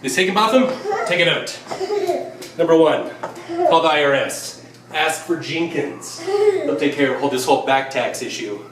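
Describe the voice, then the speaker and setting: A man's voice: a little high, wildly swooping pitch, normal speed, pauses often. A man playing a brash rich uncle who rattles off orders in an amateur film. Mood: bossy. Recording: echoey, distant, noisy room.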